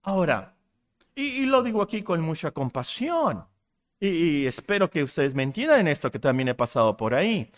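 A man's voice: on the high side, very animated, normal speed. A man preaching a sermon with passion, repeating short phrases to drive points home.

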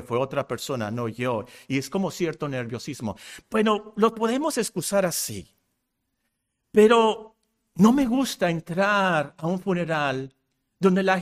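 A man preaching a sermon, swinging from loud emphatic peaks to low hushed passages and calling the congregation brothers and sisters. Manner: addresses listeners as brothers and sisters.

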